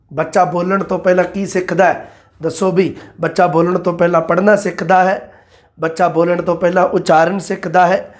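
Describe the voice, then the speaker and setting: Male teacher, high voice, chatty exam-prep lecturer who repeats and quizzes.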